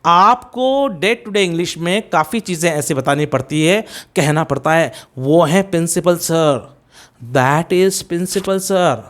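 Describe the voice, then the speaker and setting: A middle-aged man with an Indian accent lectures a class on grammar in a fairly high voice. He takes his time, spelling out one example sentence after another and sliding between Hindi and English. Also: a bit bright. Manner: slow, deliberate drilling of example sentences. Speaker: English teacher.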